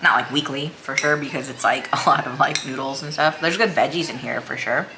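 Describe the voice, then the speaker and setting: A female vlogger with a bass voice chats casually and briskly over a meal in a small room at home, rambling hesitantly and leaning on "like" as a filler, against a noisy background.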